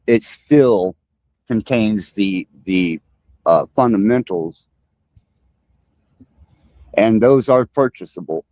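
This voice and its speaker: Male guest, slow and earnest, lowish dry voice. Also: expressive, darkish tone, no room sound. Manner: slow, halting and insistent. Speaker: guest describing his AI companion. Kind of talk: earnest podcast discussion.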